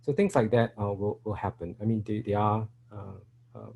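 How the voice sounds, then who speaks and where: Speaking at a developer meetup, this middle-aged man from Singapore has a Singaporean English accent and a fairly low, gravelly, slightly mellow voice at a moderate pace. His conference talk is hesitant, full of fillers and restarts, and there's a little background noise.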